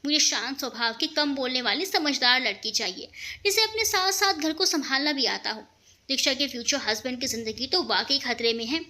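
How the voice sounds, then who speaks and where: A calm quick-witted young lecturer, as a woman puts him on. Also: high voice. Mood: amused. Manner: dry, witty.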